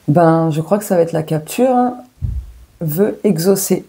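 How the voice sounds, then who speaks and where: Woman, French accent, oracle card reading, chatty asides, dark mellow tone, husky. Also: low-pitched, expressive, moderate pace. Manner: chatty, thinks aloud with many fillers and self-asides. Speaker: tarot and oracle card reader. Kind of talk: casual weekly card reading to viewers.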